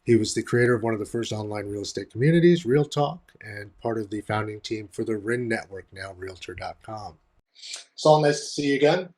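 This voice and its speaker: A man hosting a real estate roundtable on a video call, reading a measured scripted introduction while his audio sounds muffled and boxy, as if he were inside a closet. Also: on the low side, expressive, a little mellow. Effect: muffled, boxy audio, as if speaking from inside a closet.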